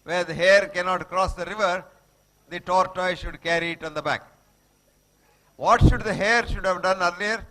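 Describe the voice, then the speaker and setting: A man's voice: sits high, fairly even intonation, moderate pace, sharp tone. A man with a Telugu Indian accent giving a motivational talk to children, speaking emphatically, repeating short maxims and checking that his listeners follow. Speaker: guest speaker addressing schoolchildren.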